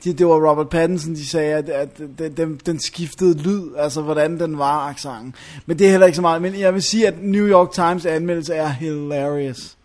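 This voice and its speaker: A man's voice: a little high, hardly any pauses, a little mellow. A man co-hosting a casual film chat, dropping wry, supportive remarks. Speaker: film podcast co-host.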